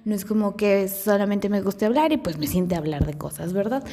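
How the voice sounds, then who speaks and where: A woman's voice: medium pitch, normal speed, mellow, long reverb tail, soft background music. A woman hosting her own podcast in a chatty, self-deprecating monologue, thinking aloud with fillers. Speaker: podcast host. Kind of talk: casual solo podcast monologue.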